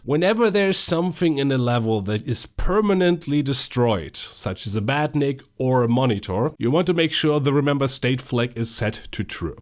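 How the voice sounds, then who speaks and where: A man with a cold and a nasal voice, hosting a chatty, relaxed tutorial with joking asides. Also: medium pitch. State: sick with a stuffy nose. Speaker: tutorial host. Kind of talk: screen-recorded coding tutorial.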